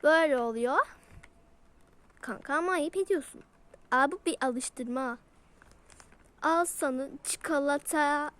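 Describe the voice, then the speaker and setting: Bright high-voiced woman voicing toy pets. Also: measured pace, long pauses. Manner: switches between playful character voices. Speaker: toy video creator. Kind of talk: toy role-play voicing many pets.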